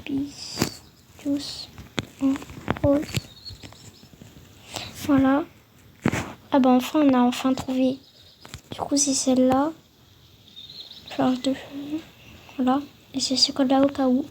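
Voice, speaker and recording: Halting high-voiced young woman. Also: level tone, background noise. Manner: hesitant, halting, many fillers and restarts. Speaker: game tutorial maker. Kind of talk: casual game tutorial voice-over.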